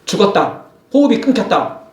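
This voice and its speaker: A male pastor preaching a sermon, animated, acting out scolding quotes. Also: sits high, normal speed, roomy sound, recorded from a distance, dull audio. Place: church.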